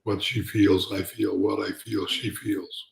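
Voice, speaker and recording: Low-voiced guy, calm n gentle spiritual teacher, thinks out loud, kinda halting. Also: creaky, poor audio. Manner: halting, repeats words as he goes. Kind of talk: unscripted spiritual talk.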